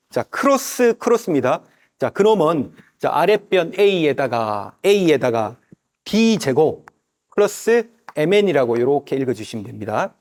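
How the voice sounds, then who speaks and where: A man teaching a math lesson at a whiteboard, who talks to the parts of the figure as "you" and reads formulas slowly and repeats each step aloud. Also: on the high side, a little mellow. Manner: drawn-out, slow reading of formulas.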